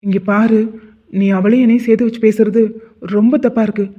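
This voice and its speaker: A man voicing an irritated young husband in an animated drama, curt and dismissive. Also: sits high, a little fast. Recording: tinny phone-like sound.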